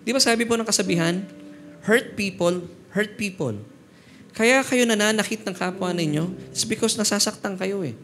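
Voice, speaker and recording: With guitar music in the background, a middle-aged Filipino pastor delivers a sermon in a brisk, high, fairly bright voice. His style is humorous storytelling that mixes Tagalog and English.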